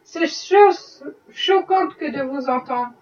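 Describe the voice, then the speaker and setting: A woman's voice: sits high, slow pace, darkish tone, roomy sound, recorded from a distance, highs cut off. A woman reading a novel aloud, voicing a haughty, self-pitying rich lady in a prim, disapproving way. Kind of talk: audiobook reading.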